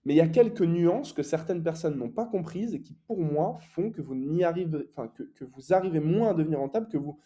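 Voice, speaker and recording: A man's voice: on the high side, lively intonation, fairly quick, few pauses, mellow. A young man teaching online advertising in a casual, explanatory way, with frequent fillers and self-corrections. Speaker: e-commerce ads coach.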